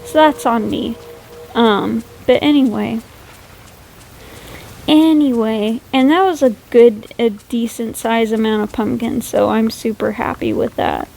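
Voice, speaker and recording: A woman's voice: fairly high pitch, steady tone, a little slow, gravelly, a little mellow, rough recording. A woman chatting casually over her gameplay, rambling and self-deprecating, sleepy and yawning late at night. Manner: gushes over cute animals. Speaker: gaming YouTuber.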